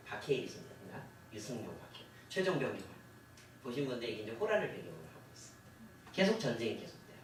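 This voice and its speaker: Male lecturer, animated, quizzing the class; captured from afar in a reverberant hall. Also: mid-range voice. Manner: asks the audience questions, acts out quoted officials. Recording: echoey hall, voice from far off, faint hiss.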